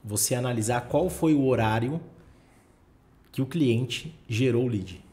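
A man's voice: medium pitch, a little slow, warm tone. A man hosting a podcast, giving practical advice in a coaching tone and stacking rhetorical questions. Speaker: podcast host. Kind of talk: casual podcast chat.

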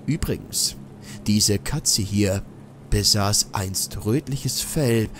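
Brief: man playing a scheming old male madman for a horror audiobook, slow, sneering, menacing delivery, drawn-out words. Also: on the low side, fairly bright tone, a little hiss or hum. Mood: mocking. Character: eerie old man, a scheming vengeful mad scientist.

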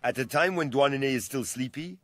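A man narrating a food documentary in a measured, scripted way. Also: mid-range voice, fairly bright tone, no echo. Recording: voice-over with music behind.

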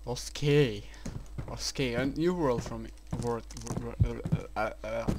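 A man commentating a horror game, mumbling asides to himself and breaking into startled, swearing shouts. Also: medium pitch, slow pace, very noisy. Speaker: let's play gamer. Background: loud game music.

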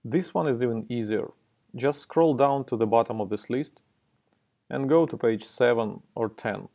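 A man with a Russian accent hosts a marketing tutorial video, explaining the steps in a friendly, plain way. His medium-pitched voice is warm with vocal fry and moves at a moderate pace.

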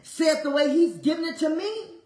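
A woman preaches with fervent, repetitive exhortation, her fairly high voice leaping up suddenly as she presses her point. The sound carries a roomy echo. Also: a little fast, warm tone. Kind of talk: sermon.

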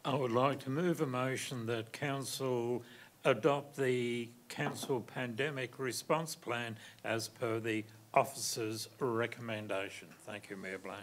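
A man's voice: medium pitch, steady tone, unhurried. An Australian man reads out a council motion in a stiff, formal way, stumbling now and then. A faint room hum runs under his voice. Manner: formal, stiff reading with slips. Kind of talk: reading a motion aloud.

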